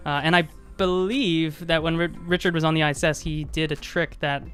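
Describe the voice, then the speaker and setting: A man's voice: a little high, fairly even intonation, brisk, a bit bright, faint music behind. A man co-hosting a podcast, chatting casually on a live stream and rambling with many fillers and restarts. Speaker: podcast co-host.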